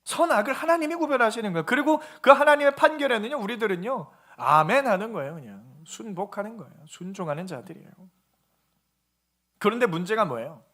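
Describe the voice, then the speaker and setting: A man preaching a sermon as pastor, lively and conversational, acting out quoted voices and putting questions to the congregation. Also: high voice, fast talker.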